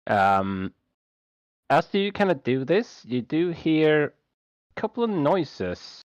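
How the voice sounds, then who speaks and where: A man running a tabletop game as game master, narrating in halting, hesitant phrases. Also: fairly high pitch, big pitch swings, no echo, lo-fi sound.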